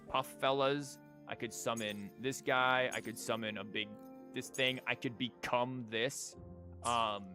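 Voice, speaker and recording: A man's pushed, bright, medium-pitched voice carries his casual live commentary as he streams a game, rambling and reasoning aloud while explaining. Video game music and character dialogue sound behind him.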